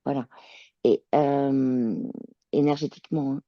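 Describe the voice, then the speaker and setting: A woman working as a telepath, describing her visions in a channeling session, halting and searching for words. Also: very deep voice, steady tone, no echo, dull audio. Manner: hesitant, searching for words, many fillers.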